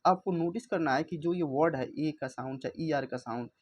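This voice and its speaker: A man with an Indian accent, teaching from an English vocabulary book, reading lines slowly and then explaining them, repeating words aloud to drill pronunciation. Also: on the high side, slightly rough.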